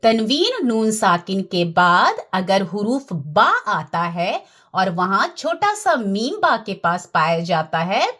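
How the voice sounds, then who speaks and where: A woman teaching Quran recitation rules, repeating key terms, checking in with her listeners and drawing out recited words slowly. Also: mid-range voice, big pitch swings, fairly bright tone. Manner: slows down and draws out recited Arabic words. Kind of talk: tajweed lesson.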